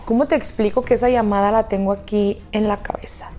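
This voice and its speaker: A woman's voice: medium pitch, fairly even intonation, brisk, darkish tone, slight background noise. A woman with a Mexican accent telling a dramatic personal story in a confiding, sisterly way. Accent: Mexican Spanish. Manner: confiding, dramatic, addresses listener as "hermana". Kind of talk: storytime narration over slime video.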